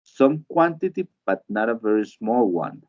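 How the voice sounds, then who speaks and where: Teacher with muffled lo-fi sound. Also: male voice, mid-range voice, animated, takes it slowly. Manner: explains step by step, often checks in with "right?". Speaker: English teacher. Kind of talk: live online lesson.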